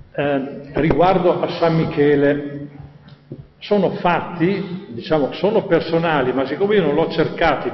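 An older man from Alto Adige giving an animated religious testimony to an audience, conversational and lively in his storytelling. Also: on the high side, a little hiss or hum. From Alto Adige, Italy. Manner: animated, conversational, acts out quoted voices. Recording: echoey hall, dull sound.

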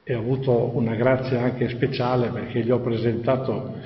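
An older man from Alto Adige giving an animated religious testimony to an audience, conversational and lively in his storytelling. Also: medium pitch, moderate pace, slight background noise. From Alto Adige, Italy. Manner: animated, conversational, acts out quoted voices. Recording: echoey hall, dull sound.

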